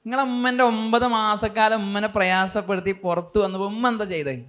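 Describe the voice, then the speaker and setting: A man giving a motivational talk to a school audience, asking them many questions in an animated, emphatic way. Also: sits high, fast talker. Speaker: speaker addressing students.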